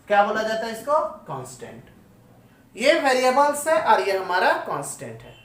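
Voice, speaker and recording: A woman teaching a maths lesson, asking her students questions and then answering them herself. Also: medium pitch. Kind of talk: classroom-style maths lesson. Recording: echoey room, voice away from the mic.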